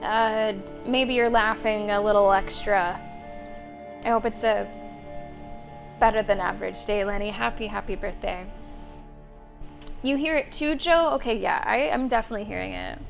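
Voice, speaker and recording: A woman streams a game live, chatting casually with her viewers and thanking them as she comments on her playthrough. Her mid-range voice is creaky and moves at a normal speed with long pauses. She talks over the game audio, with faint music in the background.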